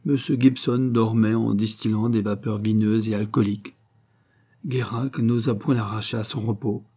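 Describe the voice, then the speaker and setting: A man reading a novel aloud in steady, measured narration. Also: lowish voice. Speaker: audiobook reader. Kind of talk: scripted narration.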